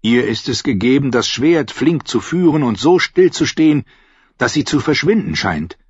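A man voicing a solemn, wise boy seer who speaks in a grave, measured way. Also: mid-range voice, very animated, slightly rough, no echo, pitched above the performer's own voice. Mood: earnest. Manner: measured, grave, slow speech. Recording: slightly dull dry recording.

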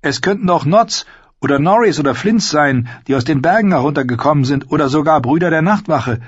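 A man voicing a young noble boy who is frightened but tries to act brave, his voice raised and shrill, in an audiobook reading. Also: animated, a little fast, slightly rough, no room sound, muffled recording. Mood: forced confidence. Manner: raised voice, shrill when scared.

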